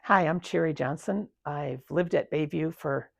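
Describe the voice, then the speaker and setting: A woman in her seventies with a gravelly, husky voice talks through her working life at a retirement community. She is reflective and pauses often on ums and restarts. The sound is close and dry. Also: low voice, dry recording. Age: 70s. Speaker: interviewee. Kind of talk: recounting her career.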